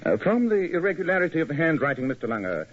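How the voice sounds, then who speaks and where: Sherlock Holmes, the cool detective. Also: male voice, a little high, big pitch swings, very fast. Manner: crisp, precise deduction. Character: sharp, composed Victorian male detective. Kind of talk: 1940s radio acting. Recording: dull old radio broadcast.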